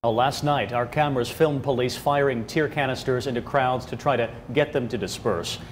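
A male news anchor introduces a report in a steady, scripted delivery. A faint low rumble sits underneath. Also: moderate pace.

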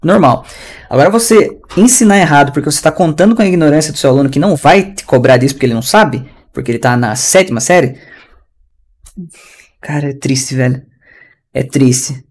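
A man's voice: on the high side, fairly quick. A man with a Brazilian Portuguese accent teaching an online English class in a chatty, slangy, ranting way over a video call.

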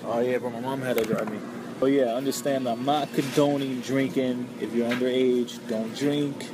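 A man's voice: mid-range voice, fairly even intonation, normal speed, noisy background. A man in his twenties chatting casually to camera, drunk and getting drunker, rambling loosely in slang. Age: 20s. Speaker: video creator. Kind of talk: casual vlog chat. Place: living room at home, later phone clips.

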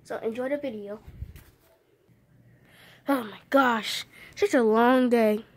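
A high-pitched female voice talking casually to the camera. She rambles and repeats herself while she plays out a little scene with toys. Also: takes it slowly, dry recording. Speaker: video maker. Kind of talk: casual chat to camera, toy play.

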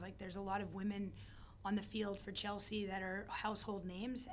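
Seated at a table in a press conference room, a middle-aged female head coach responds to postgame questions through a desk microphone on a stand. Her voice is hoarse and scratchy from a worn-out throat, pitched in a woman's middle range, and her answers come across measured and thoughtful.

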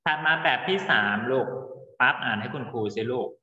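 A man's voice: medium pitch, expressive, brisk, bright, forceful tone. A male teacher explains English word formation in a lesson, calls on students by name and mixes English terms into his explanations. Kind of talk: online class lesson. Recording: dull, echoey room with long reverb.

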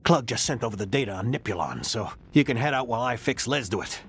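An actor voicing a grouchy, crude older alien slacker in a video game, with a rough, gravelly voice. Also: male voice, medium pitch, expressive, quick pace. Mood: gruff, boastful.

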